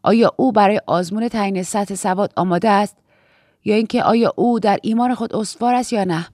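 A woman reads a first-person audiobook at an ordinary middle pitch, steady and even. The recording is dry and close, with no room sound at all. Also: dry recording. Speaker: audiobook narrator.

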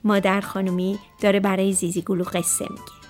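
A woman's voice: medium pitch, flat delivery, a little mellow, soft background music. A woman narrating a children's puppet show and speaking directly to the children.

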